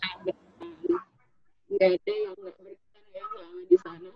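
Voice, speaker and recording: Very high, gravelly woman on a choppy call. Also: big pitch swings, normal speed, no echo. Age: young adult. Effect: choppy, breaking-up video call audio. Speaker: online participant. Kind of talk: casual chat. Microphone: video call. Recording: dull lo-fi video call line.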